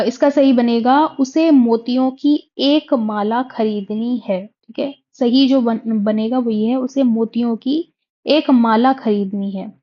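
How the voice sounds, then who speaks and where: A woman teacher walks through sentence corrections, repeating each fix and asking rhetorical questions. She speaks with mixed in, in a fairly high voice. The recording sounds a little dull and lo-fi. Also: dark tone. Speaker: exam prep teacher. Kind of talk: lesson on Hindi grammar.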